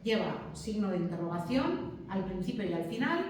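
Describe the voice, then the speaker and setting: A woman teaches a classroom lesson on punctuation, explaining patiently and checking in often with tag questions. Her medium-pitched, darkish voice is very animated at a moderate pace. The mic is distant in a very echoey room, with faint background noise.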